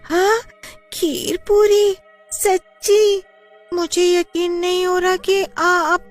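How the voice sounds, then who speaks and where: A timid, poor young schoolgirl, acted by a woman, talks in a very high, small voice, polite and pleading. Faint music runs under the cartoon story. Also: level tone, drawn-out words, heavily acted. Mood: eager.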